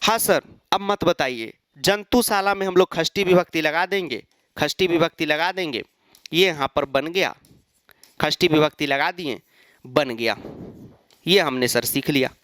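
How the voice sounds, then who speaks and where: A man's voice: fairly high pitch, moderate pace, a bit bright, clear, resonant tone, no room sound, studio quality, natural voice. A man voicing a confused schoolboy student who keeps protesting to his teacher. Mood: pleading. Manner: pleading, protesting.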